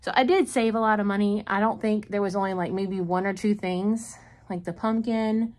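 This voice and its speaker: A woman's voice: medium pitch, steady tone, moderate pace, a little mellow. Chatty woman tallying grocery savings. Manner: chatty, tallies prices and savings aloud. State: out of breath. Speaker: vlogger. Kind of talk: casual shopping haul vlog.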